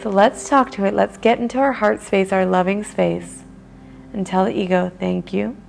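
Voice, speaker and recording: A woman leading a guided meditation in a soft, soothing way, with breathy pauses. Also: mid-range voice, slight background noise.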